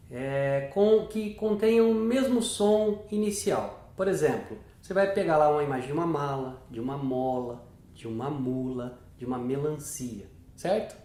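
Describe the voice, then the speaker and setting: A man's voice: a little high, a little mellow, reverberant. A male teacher explaining a reading method to parents, checking in often with short questions. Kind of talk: instructional talk to parents.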